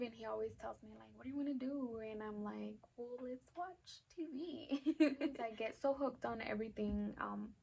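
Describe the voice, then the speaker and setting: A woman's voice: fairly high pitch, gravelly. A woman in her twenties with an El Paso Texan accent, talking casually to camera in a Q&A, with lots of "um"s and "like"s. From Texas, USA. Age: 20s. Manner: chatty, many "um"s and "like"s. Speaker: vlogger.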